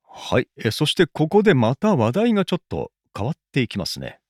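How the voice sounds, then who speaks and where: A man's voice: mid-range voice, huge pitch swings, a little fast, no room sound, studio quality. A man hosting the show, recapping each segment with frequent fillers. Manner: recaps with many fillers, swooping intonation. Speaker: host summarizing segments. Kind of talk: recorded commentary between segments.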